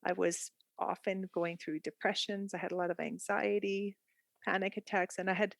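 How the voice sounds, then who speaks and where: Gravelly and medium-pitched, her delivery is flat and at normal speed, with no echo. She's a middle-aged Canadian art therapist with a Canadian accent, guesting on a podcast and speaking openly and reflectively in a chatty way, laughing easily.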